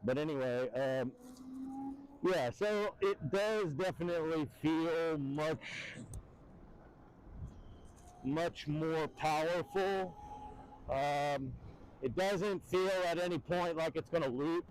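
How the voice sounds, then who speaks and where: Riding outdoors, an e-bike vlogger with a very deep voice gives a casual ride-along review, rambling with many fillers. He talks slowly with long pauses, and his helmet mic sounds muffled by wind.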